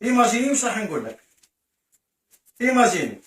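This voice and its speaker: A man's voice: sits high, fast talker. A man with an Algerian Arabic accent vlogs a charity visit. He speaks eagerly, thanks the donors and comments on what he is showing. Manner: excited, thanks donors, gives running commentary. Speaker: vlogger filming a charity visit. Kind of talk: casual to-camera talk. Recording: echoey room with faint noise.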